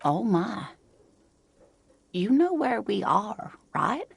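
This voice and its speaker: A woman's voice: medium pitch, very animated, drawn-out words, vocal fry, breathy edge, dry recording, full character voice. A doting, scatterbrained old lady. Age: older. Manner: doting, talkative.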